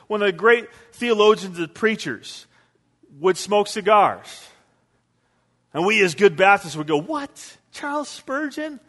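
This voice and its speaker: Casting: male pastor, slightly higher voice, conversational storytelling sermon, long church reverb. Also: fairly bright tone. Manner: conversational storytelling with quoted asides.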